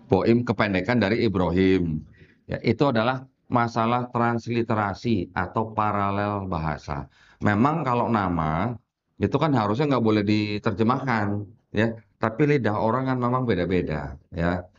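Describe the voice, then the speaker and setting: A man's voice: fairly low pitch, normal speed. A man in a casual talk, explaining at length to a woman listener, with jokes and frequent laughs. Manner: chatty, jokey asides with frequent laughs, many fillers like gitu; addresses a woman listener often as "Bu". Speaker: podcast host explaining religion. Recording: slightly dull lo-fi sound.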